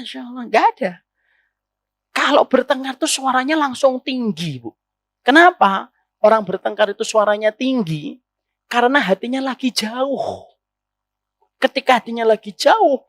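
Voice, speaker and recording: A man's voice: extremely high pitch, creaky, a bit bright, no room sound. A man preaching an Islamic sermon to women, often putting rhetorical questions to his listeners.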